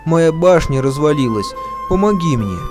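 A man voicing a small timid boy in a children's story, speaking slowly and pleading. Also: fairly high pitch, very animated, gravelly, big-room sound, music in the background, pitched above the performer's own voice, exaggerated voice.

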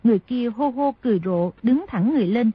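A woman reads a martial-arts novel aloud in a steady storytelling manner. Her voice is very breathy and raspy, a touch high, and sounds dry and close. The audio is dull and lo-fi. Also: fast talker, no room sound. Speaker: narrator.

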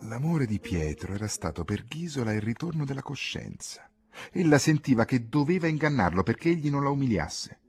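A man narrating a literary novel as an audiobook, measured and expressive, often dropping to a hush. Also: medium pitch, faint music behind. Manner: measured, expressive reading that drops to near-whispers. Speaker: audiobook reader.

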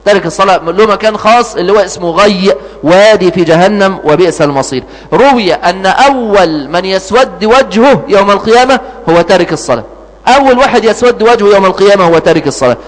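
A high-pitched Egyptian man preaches in rapid, animated bursts and keeps firing rhetorical questions at the crowd. His voice rings with a long hall reverb, as if recorded in a large mosque. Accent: Egyptian Arabic. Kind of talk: sermon.

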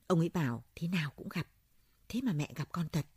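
A woman's voice: sits low, animated, a little fast, darkish tone, husky, no room sound, studio quality, exaggerated voice. A woman reading the part of a dazed elderly village woman who talks to spirits, in a rambling, dreamlike way. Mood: dazed, tearful.

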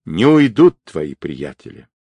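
A seasoned ex-convict, quiet, wry and laconic, full of criminal slang, as a man reads him in an audiobook. The voice is very deep and husky, and it sounds slow and unhurried. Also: sing-song, dry recording, exaggerated voice.

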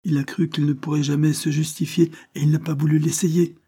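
A firm, earnest gentleman lawyer, as a male reader plays him, steady and reassuring in a slightly raised pitch. The voice is dark, mellow and husky. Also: fairly quick. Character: calm firm middle-aged gentleman lawyer.

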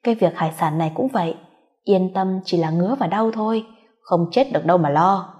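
A woman's voice: lowish voice, fairly quick, darkish tone, lo-fi sound, close to an everyday voice. Woman playing a vengeful wife. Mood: coldly calm. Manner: cold, contemptuous. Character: bitter vengeful wife grieving her son.

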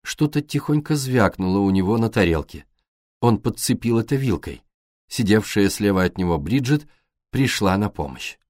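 A man reading an audiobook aloud in a calm storytelling manner. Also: on the low side, normal speed, no room sound, studio quality. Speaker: audiobook narrator. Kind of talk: scripted audiobook narration.

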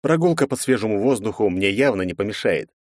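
Low-voiced male audiobook narrator. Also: animated, fast, dry recording, clean studio sound. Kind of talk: first-person audiobook narration.

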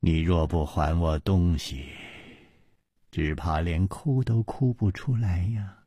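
A male storyteller voicing a cold, haughty young woman who speaks in a low, clipped half-whisper. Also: very animated, measured pace, a little mellow, slightly rough, no echo, studio quality, full character voice.

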